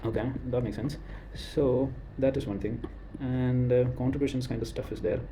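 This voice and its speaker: A man with an Indian accent talking through his screen in a casual walkthrough, thinking aloud and pausing on fillers. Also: mid-range voice, steady tone, dark tone, a little hiss or hum. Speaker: creator.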